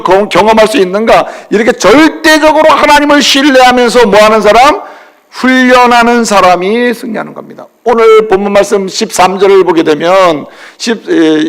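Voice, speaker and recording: A male pastor delivers a sermon in a high voice with plenty of gravelly fry. He is emphatic and keeps putting rhetorical questions to his listeners, pressing each point home. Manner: emphatic, asks the congregation many rhetorical questions.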